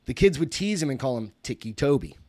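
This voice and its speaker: A man's voice: medium pitch, sing-song, fairly quick, a little mellow, dry recording. Man reading a story, dry sound. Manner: casual reading with frequent self-corrections. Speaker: podcast host and story narrator.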